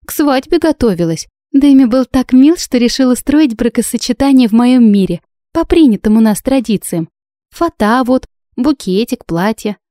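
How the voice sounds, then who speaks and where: A woman voicing a brash, theatrical young heroine who talks loudly with mock innocence. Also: a little high, lively intonation, normal speed, no room sound, studio quality, pitched above the performer's own voice, close to an everyday voice. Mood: theatrically sweet. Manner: loud, indignant, mock-innocent.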